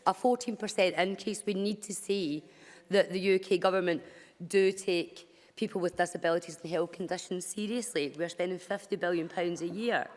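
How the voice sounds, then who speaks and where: A woman member of parliament, her voice slightly croaky, arguing firmly in a debate speech. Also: fairly low pitch, steady tone, normal speed. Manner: firm, argumentative. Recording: long reverb of a debating chamber.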